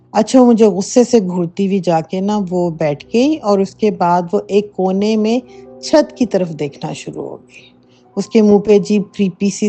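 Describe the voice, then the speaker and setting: A woman's voice: mid-range voice, dark tone. A middle-aged woman casually recounting a true haunting from her own home, talking emphatically with many fillers, recorded as a voice note. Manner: emphatic, conversational storytelling with frequent fillers. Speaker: listener sharing a personal story. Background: faint background music.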